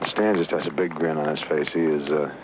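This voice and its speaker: A man giving live golf commentary outdoors in a folksy, conversational way, often hushed near the putt. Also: extremely low pitch, steady tone, a little fast. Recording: dull old broadcast, loud outdoor noise.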